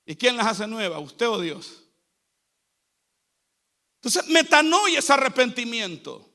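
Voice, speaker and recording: Man, pastor, Central American Spanish accent; very high, brilliant voice; exhorting sermon delivery. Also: sing-song, slow pace, bright, forceful tone. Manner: exhorting, repetitive preaching cadence.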